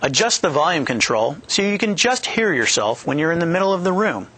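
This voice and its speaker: The recording is rough as a man in his thirties, a product manager, presents a scripted, upbeat training on a studio set with a yellow backdrop, speaking into a headset boom mic. His voice is a little high, very animated, a little fast and a bit bright. He jokes along cheerfully while explaining steps clearly.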